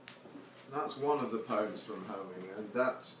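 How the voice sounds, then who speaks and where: Speaking a little slowly in a lowish voice, a man gives a live reading of his own poems to a seated audience. He keeps the introductions informal and laced with self-deprecating, wry humour. It's recorded from afar in an echoey, noisy space.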